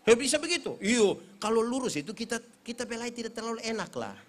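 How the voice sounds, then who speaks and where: Man, pastor, high voice, humorous sermon, animated storytelling. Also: fast. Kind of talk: humorous sermon at a Christmas gathering.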